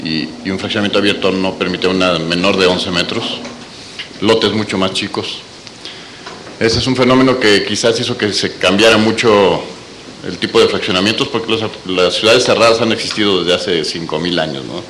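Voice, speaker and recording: A man's voice: sits low, moderate pace, fairly bright tone, rough recording. A man with a Mexican accent, an architect in the audience, politely explaining a point during a conference question session. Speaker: architect, audience member commenting. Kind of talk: spoken comment in a question session. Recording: background noise and room ambience.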